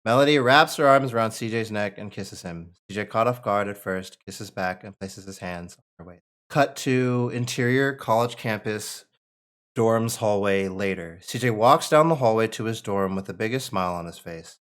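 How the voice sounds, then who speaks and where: A man with a lowish, fairly bright voice narrates screenplay stage directions at a table read at a moderate pace. His delivery is relaxed and chatty, with casual asides along the way.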